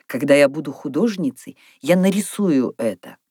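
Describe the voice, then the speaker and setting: A woman reading aloud, voicing a lively young girl who dreams of being an artist. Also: sits low, normal speed, breathy edge, dry recording, studio quality. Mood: eager. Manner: eager, bright, storytelling.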